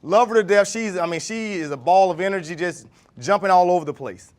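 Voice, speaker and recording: A man in his thirties from Florida giving an animated leadership workshop talk and putting questions to a live group. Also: high voice, fairly quick. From Jacksonville, Florida. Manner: animated, asks the room questions. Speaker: leadership trainer.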